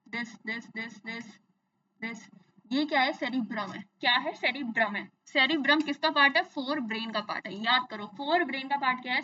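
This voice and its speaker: Brief: bright, high-pitched young woman teacher, drilling terms by repetition; slightly distant, dull mic. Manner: explains in Hindi mixed with English, repeats terms, asks and answers own questions. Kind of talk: exam-focused science lesson.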